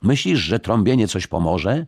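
A man's voice: a bass voice, normal speed, no room sound, studio quality, heavily acted. A man voicing a grumpy, snobbish middle-aged male caretaker who blusters and snaps. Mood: grumbling. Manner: gruff, blustering, short-tempered.

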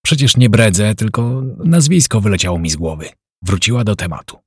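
Male audiobook reader, low husky voice, dry close sound. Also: a little fast, no room sound. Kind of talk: audiobook narration.

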